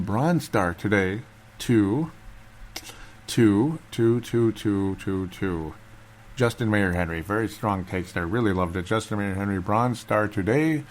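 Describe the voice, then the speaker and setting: A man's voice: lowish voice, a little hiss or hum. A man hosting a casual solo sports fan show in a subdued, held-back voice, as if not to wake anyone, rambling and repeating himself.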